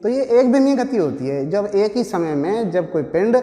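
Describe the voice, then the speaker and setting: High-voiced Hindi-accented male teacher, echoey room. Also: sing-song, normal speed, dark tone. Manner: explains step by step, asks and answers his own questions. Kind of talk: classroom physics lecture at a board. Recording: echoey room with long reverb.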